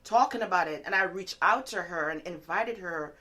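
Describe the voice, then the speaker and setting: A woman guest author telling her story in a casual interview, earnest and animated, with many fillers like "like" and "you know". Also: on the low side, normal speed, slightly rough. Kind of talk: conversational interview testimony.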